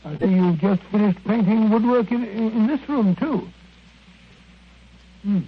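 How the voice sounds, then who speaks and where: An actor playing a bumbling, good-natured gentleman doctor in an old radio drama, blustering and stammering. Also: high-pitched, unhurried, slightly rough, heavily acted. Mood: bemused, inquiring. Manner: blustering, stammering, repeats phrases. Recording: muffled, noisy old radio recording.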